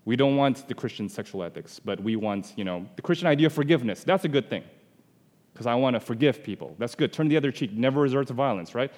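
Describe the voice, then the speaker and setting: A man's voice: medium pitch, animated, fast talker, darkish tone, in a large hall. A man from Indonesia giving an explanatory theology lecture, stressing points with rhetorical questions.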